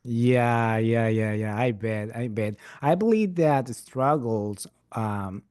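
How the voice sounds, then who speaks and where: A resident physician who serves as a program ambassador hosts an interview in a medium-pitched, slightly mellow voice, speaking slowly. He sounds upbeat and scripted, often repeating his words of praise. The recording is dry, with clean studio sound.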